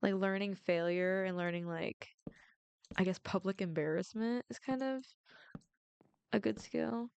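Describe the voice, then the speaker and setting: A woman's voice: mid-range voice, a little slow, creaky, pauses often, darkish tone, clean tone, dull audio. A young adult woman, a film student, chatting casually and rambling with lots of "like" fillers while playing a game. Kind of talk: casual gameplay chat.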